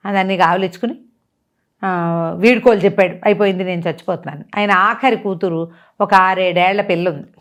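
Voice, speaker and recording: A middle-aged woman telling a dramatic story in a casual talk-show manner, lifting her pitch sharply for emphasis. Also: normal speed, long pauses. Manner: animated, swings up in pitch for emphasis. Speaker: storyteller guest.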